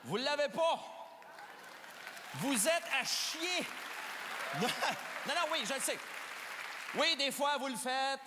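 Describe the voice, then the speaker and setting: A man's voice: very high-pitched, expressive, takes it slowly, long pauses. A man with a Québécois French accent doing stand-up comedy at a gala, teasing the crowd with exaggerated bits. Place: large hall with live audience. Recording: reverberant gala hall, audience noise.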